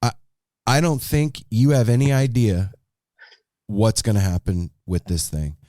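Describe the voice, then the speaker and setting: A man's voice: fairly low pitch, animated, unhurried, warm tone, dry recording, clean studio sound. A man hosting a podcast, talking earnestly and emphatically, repeating words as he builds toward his point. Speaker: podcast host. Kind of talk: casual podcast conversation.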